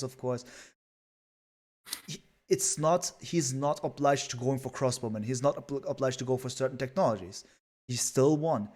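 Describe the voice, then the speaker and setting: A man's voice: mid-range voice, darkish tone. A man casting a strategy game live, chatty and rambling with lots of fillers. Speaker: esports caster.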